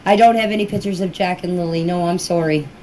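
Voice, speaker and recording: With a warm, lowish voice and a quick pace, an older woman, a grandmother, answers questions about a missing children case in her family. Her manner is informal, plain-spoken, insistent and repetitive, and the amateur clip is poor, with a little hiss or hum.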